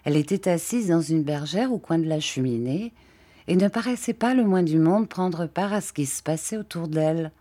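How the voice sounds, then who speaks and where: A woman narrating a classic tale aloud with a measured, expressive delivery. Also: fairly low pitch. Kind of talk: literary story reading.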